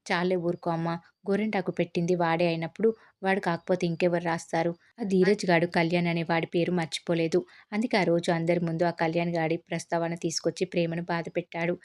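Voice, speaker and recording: A woman reads out a spiteful middle-aged aunt who goads the family, in a low, level voice with barely any rise or fall. The lines come as a storyteller's spoken recap of a family drama rather than a full performance. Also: little pitch movement, quick pace, a little mellow, natural voice. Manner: spiteful, goading. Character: scheming middle-aged aunt stirring up trouble.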